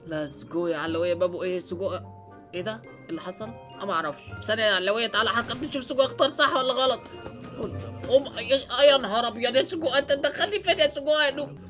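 A young man with an Egyptian Arabic accent hosting an excited let's-play commentary, dropping English exclamations as he plays. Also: extremely high pitch, very fast. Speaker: gaming channel host. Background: faint background music.

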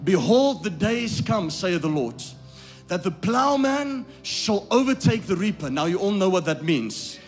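A pastor preaches a live sermon to a congregation, swinging from quiet asides to loud shouted lines, repeating phrases, checking that the crowd follows, and losing his voice. His voice sits high and is very animated, at a measured pace, with faint music behind.

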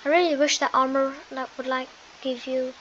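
High-voiced woman chatting over gameplay. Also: dull audio, a little hiss or hum. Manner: chatty, excitable, quick to apologize. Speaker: gaming video host. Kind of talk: casual game commentary. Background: game music.

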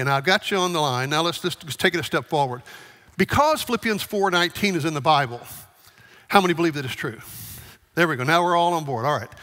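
Bright-voiced male pastor preaching. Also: high-pitched. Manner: conversational, asks the congregation for raised hands. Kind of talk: sermon. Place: church sanctuary. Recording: long church hall reverb.

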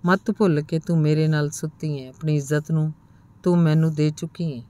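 A woman's voice: deep voice, steady tone, a little fast, mellow, lightly acted. Woman reading as a sneering boastful lover. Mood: heated. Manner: dismissive, sneering. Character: scornful boastful young man, a lover.

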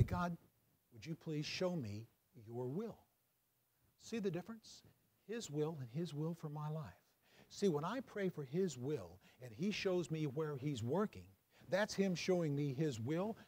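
A man's voice: a little high, a little mellow, breathy edge. A man teaching a class, repeating phrases for emphasis, asking students questions and dropping to a near whisper on key points. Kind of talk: classroom lecture with faith-based teaching.

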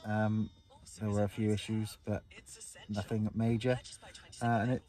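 A man's voice: lowish voice, little pitch movement, measured pace, dark tone. A man in his forties chatting to a close-held phone camera from inside a small tent on open moorland, rambling and upbeat with lots of ums. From England. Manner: rambling, filler-heavy, upbeat. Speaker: wild camping vlogger. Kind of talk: casual vlog talk to camera.

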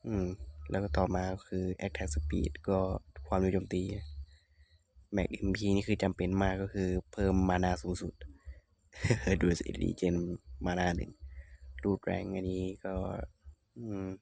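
Low gravelly man explaining game stats. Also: a little slow, dry recording. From Northeastern Thailand. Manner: relaxed, explanatory, thinking aloud with hums. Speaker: gaming channel host. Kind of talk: casual game tutorial voice-over.

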